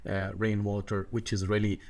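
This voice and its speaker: This middle-aged man from Egypt, the water management guest in a podcast interview, has a fairly low, slightly mellow voice that barely moves in pitch. He halts often, restarts, leans on fillers, and uses non-native grammar.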